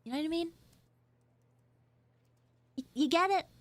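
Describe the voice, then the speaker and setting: Playing a flustered tomboy tsundere schoolgirl in an improvised audio roleplay on her livestream, a VTuber chats with dramatic, whiny exasperation. Her voice is extremely high-pitched and unhurried.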